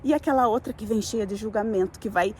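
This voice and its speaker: A middle-aged woman with a Brazilian Portuguese accent gives a casual spiritual talk to camera, chatty, with many fillers and tag questions, and quotes herself in lively voices. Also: mid-range voice, fast, a little hiss or hum. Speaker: spiritual YouTuber.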